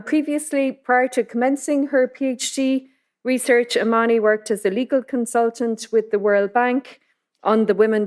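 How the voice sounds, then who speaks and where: Woman chairing a panel, measured formal introductions with ums. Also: a little high, a little mellow. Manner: measured, with frequent fillers.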